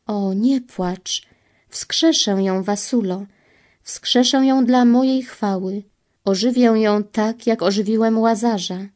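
A woman reading the part of Jesus as a grieving, pleading divine man, solemn and measured. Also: a little high, fairly even intonation, darkish tone. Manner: solemn, sorrowful, slow and measured. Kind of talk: devotional reading.

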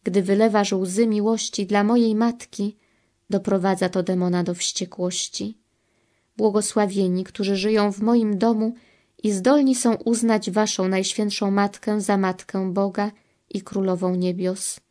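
A woman reading Jesus, slow and tender. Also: mid-range voice, level tone, dark tone, close to an everyday voice. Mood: solemn. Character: Jesus, gentle solemn male divine teacher.

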